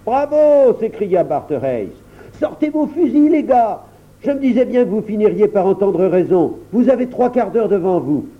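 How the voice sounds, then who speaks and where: High, squawking and lively, this indignant blusterer rails against his fate, as a male narrator puts him on. the recording is dull and lo-fi. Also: moderate pace. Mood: gleeful. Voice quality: shrill, indignant. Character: frightened blustering man, non-shooter.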